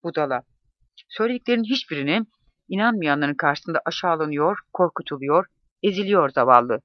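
A man narrating a first-person memoir in a measured, reflective reading. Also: fairly high pitch, expressive, dry recording. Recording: dull, dry close-mic recording.

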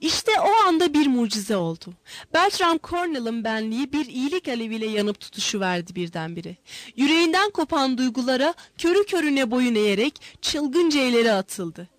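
A woman narrating an adventure story aloud in a measured, expressive audiobook reading. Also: high-pitched, dry recording.

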